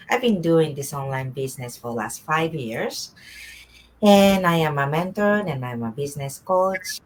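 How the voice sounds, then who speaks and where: A woman's voice: low voice, a bit bright, slight background noise, low-quality recording. A middle-aged woman from Japan, proudly introducing herself as a business coach on a live video chat.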